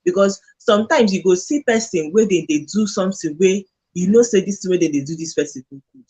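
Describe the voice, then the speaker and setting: A man with a husky, slightly high-pitched voice and a Nigerian accent talks in casual Pidgin. He explains things like a storyteller, acting out his examples as he goes. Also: animated, fairly quick, darkish tone.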